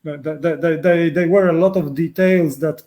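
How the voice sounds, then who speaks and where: A man from Poland with a Polish accent, a psychotherapist speaking English as a second language, telling his story over a video call with many pauses and restarts. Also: a little high, fairly even intonation, mellow. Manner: hesitant, many fillers and restarts. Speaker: guest psychotherapist. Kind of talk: casual interview.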